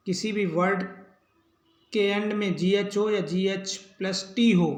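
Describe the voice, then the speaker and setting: Slow, high-voiced man teaching spelling. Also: darkish tone, roomy sound. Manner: spells words letter by letter, then repeats each pronunciation. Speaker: English teacher.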